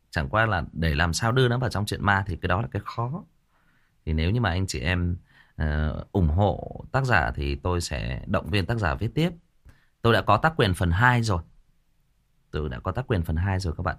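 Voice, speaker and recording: A man with a low, deep voice talks loosely to his livestream audience about a story. His pitch swings up and down a lot as he goes, and he keeps stumbling over repeated words before he finds the one he wants. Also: a bit bright. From Vietnam. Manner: rambling, repeats words often. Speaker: audiobook narrator and channel host. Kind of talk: casual livestream commentary.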